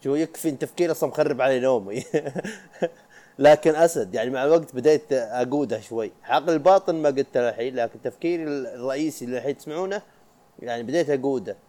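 A young man from talks fast in a casual solo podcast. His voice is warm and dark, never sharp. He rambles, cuts himself off mid-word and laughs along the way. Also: medium pitch. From Saudi Arabia. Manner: chatty, rambling, self-interrupting, laughs often. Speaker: podcast host.

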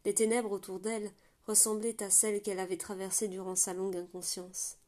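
Steady woman reading a novel aloud. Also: mid-range voice, brisk. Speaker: audiobook narrator. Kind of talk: scripted storybook narration.

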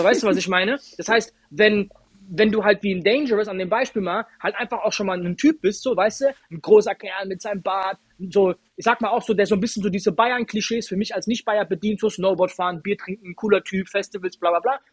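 A man, chatting casually as a podcast guest about his DJ career, slangy and animated. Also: sits high, husky, no room sound. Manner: slangy, animated, lots of filler phrases. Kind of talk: casual chat.

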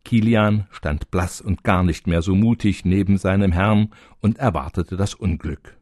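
A man narrating a storybook tale in a calm, even manner. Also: sits low, measured pace, no room sound, studio quality.

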